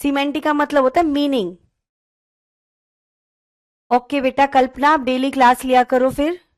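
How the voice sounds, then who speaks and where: Lady teacher, high voice, slow and careful, dry close sound. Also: level tone, no echo. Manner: explains slowly, reads questions word by word; calls students "beta", mixes English into talk. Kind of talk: online pedagogy class.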